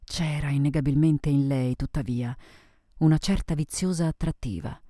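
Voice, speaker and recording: Man, audiobook narrator, measured first-person reading, slightly high voice, dry studio sound. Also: mellow, no echo. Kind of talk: scripted narration.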